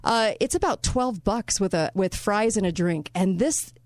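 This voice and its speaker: A woman co-hosting a casual talk show, chatty and quick to exclaim. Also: mid-range voice, animated, no echo. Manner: chatty, laughs often, exclaims "oh my gosh". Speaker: co-host. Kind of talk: casual chat.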